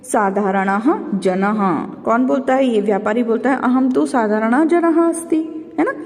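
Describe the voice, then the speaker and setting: A fairly high-pitched woman teacher, her tone mellow and dark, runs through revision exercises for her pupils. She poses questions and answers them herself, addressing the class as children. Her voice trails in a long reverb. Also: measured pace. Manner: explains step by step, asks and answers her own questions; calls listeners children. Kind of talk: exam revision lesson.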